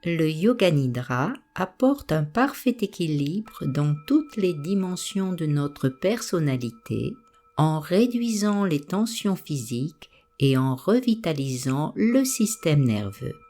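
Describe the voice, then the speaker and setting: A woman leads a guided meditation in a very low, mellow, soft-edged voice, giving soothing instructions at a very slow pace. Her phrasing rises and falls gently and melodically, with a sing-song quality.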